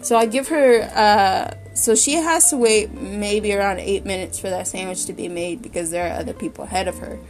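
A woman's voice: mid-range voice, normal speed, hardly any pauses, a little mellow, faint music behind. A young woman telling a work story in a casual, chatty, exasperated way, full of fillers.

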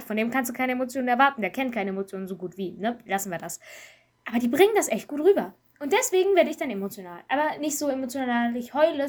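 A woman co-hosting a podcast in casual chat, talking in an animated, rambling way and laughing often. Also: sits high. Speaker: podcast co-host.

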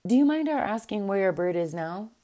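A woman's voice: mid-range voice, animated, brisk, mellow, natural voice. A woman voicing a group of spiteful young princess sisters with a sly, condescending manner.

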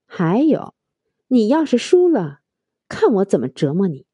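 A woman's voice: medium pitch, wildly swooping pitch, measured pace, dark tone, husky, dry recording, heavily acted. A woman voicing a bossy young woman who taunts and gives orders in a storybook tale. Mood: domineering. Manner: taunting, commanding.

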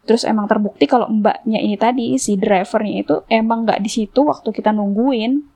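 Woman podcast host, higher pitch, casual and chatty storytelling. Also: brisk, dark tone. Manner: chatty, acts out quoted exchanges in a higher voice.

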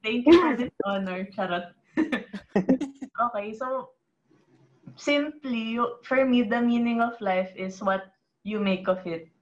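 A woman's voice: on the high side, measured pace, pauses often. A young woman from the Philippines with a Filipino accent, chatting reflectively on a podcast with many fillers. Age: young adult. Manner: reflective, switching between English and Tagalog with many fillers. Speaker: former student organization president. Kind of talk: casual podcast chat. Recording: slightly dull lo-fi audio.

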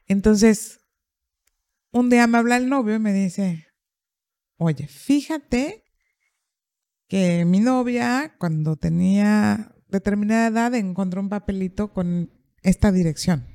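Gravelly woman telling a story. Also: mid-range voice, no room sound. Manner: lively storyteller, acts out quoted dialogue. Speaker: therapist and podcast host. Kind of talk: conversational storytelling.

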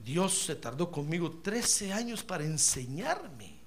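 A man preaching an animated sermon, often calling the listener brother. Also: on the high side, a little slow, slight background noise. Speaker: pastor.

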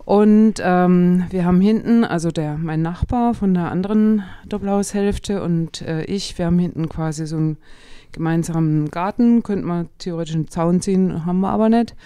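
A woman co-hosting a podcast, telling stories casually and hesitantly, with pauses. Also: lowish voice, dark tone, clear, resonant tone, dry recording, clean studio sound. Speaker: podcast co-host. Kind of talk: casual chat and storytelling.

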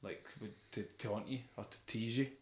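A man's voice: fairly low pitch, steady tone, brisk. Rambling young man in an echoey room. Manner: rambling, enthusiastic, many fillers. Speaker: podcast host. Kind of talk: casual chat about music.

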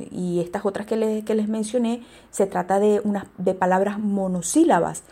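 A woman teaching spelling rules, talking straight to her listeners and often pausing with fillers and restarts. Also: medium pitch, darkish tone. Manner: hesitant, many fillers and restarts; addresses listeners directly. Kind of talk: explaining spelling rules to viewers.

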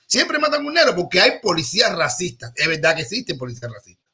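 A man holds forth in a rambling, joking talk-show monologue. His voice sits high and rings very bright and forward. He stumbles, repeats himself and restarts, then drives the point home. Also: wildly swooping pitch, fast.

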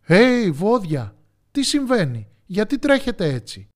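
A man's voice: high-pitched, big pitch swings, pitched above the performer's own voice. A man voicing startled storybook deer. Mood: alarmed.

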